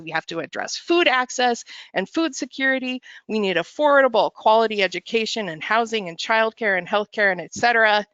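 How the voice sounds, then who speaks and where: A woman gives a prepared talk with earnest emphasis. Her voice is crisp and smooth, at a middling pitch. The recording is very dry, with a slightly dull tone. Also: fairly bright tone, dry recording. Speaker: presenter introducing other speakers. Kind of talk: prepared advocacy presentation. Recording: muffled, dry audio.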